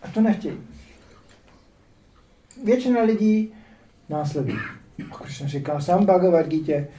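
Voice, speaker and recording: A man's voice: sits high, mellow. An older man from the Czech Republic lecturing on scripture as a spiritual teacher, with ironic, rhetorical asides. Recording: roomy echo, distant mic.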